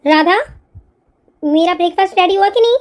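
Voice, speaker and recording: A woman's voice: very high-pitched, brisk, darkish tone. A woman voicing a sneering cartoon sister-in-law. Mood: demanding. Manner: sneering, scolding. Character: bossy scornful young sister-in-law. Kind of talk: cartoon voice acting.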